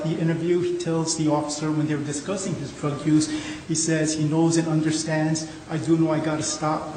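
A man speaking as a lawyer in oral argument, with halting, hedging, informal phrasing. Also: on the high side, darkish tone. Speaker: lawyer arguing an appeal. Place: indoor courtroom. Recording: echoey courtroom, faint noise.

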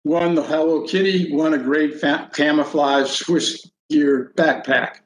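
A man with a fairly high voice presents an oral legal argument as defence counsel. The room echoes around him, and there is faint noise behind the voice. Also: steady tone, a little slow. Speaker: defence lawyer arguing in court. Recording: roomy, faint background noise.

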